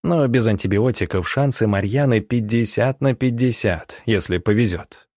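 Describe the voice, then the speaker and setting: Low-voiced male audiobook narrator. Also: normal speed, darkish tone, no echo, clean studio sound. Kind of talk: scripted narration.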